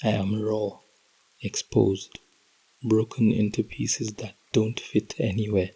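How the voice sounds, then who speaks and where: A man hosting a podcast, reading a heartbroken letter aloud in a slow, emotional, intimate delivery that drops to whispers at times. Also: lowish voice, little pitch movement, gravelly, dark tone, breathy edge, rough recording. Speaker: podcast host.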